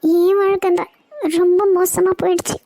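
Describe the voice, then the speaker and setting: A woman's voice: very high-pitched, flat delivery, moderate pace, mellow, no echo, studio quality. A woman voicing a frightened young woman who has run away from home, talking to herself in a panicky, tearful way. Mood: scared, remorseful. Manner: panicky, tearful self-questioning. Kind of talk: cartoon voice acting.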